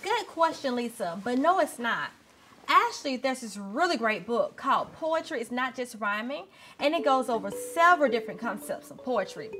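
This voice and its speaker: A woman's voice: a little high, very animated, moderate pace, pushed and bright, exaggerated voice. A woman playing an encouraging poetry teacher on a children's show, in a broad singsong delivery. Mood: upbeat, teaching. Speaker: teacher, show's star. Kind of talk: scripted children's show acting. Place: indoor TV studio set, light music behind.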